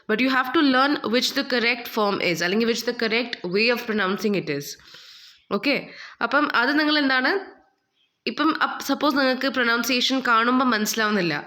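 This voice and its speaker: A woman's voice: on the high side, bright, forceful tone. A woman teaching an English vocabulary lesson with a Malayali accent, explaining in Malayalam and English and asking and answering her own questions. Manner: slow, careful reading of English passages. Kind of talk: recorded online English lesson.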